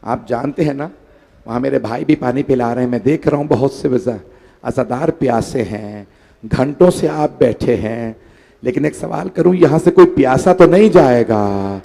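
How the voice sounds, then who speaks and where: A man's voice: mid-range voice, creaky, mellow. A man delivering an emotional mourning sermon. He pleads directly with the mourners and sounds tired and short of breath. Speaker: preacher at a mourning gathering. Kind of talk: emotional majlis sermon recitation.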